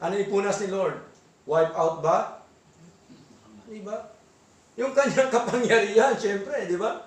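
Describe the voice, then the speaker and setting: A man with a Filipino accent preaching a sermon in a church, asking the congregation for assent and reading verses slowly. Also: high voice, echoey room, recorded from a distance. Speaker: pastor. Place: church hall.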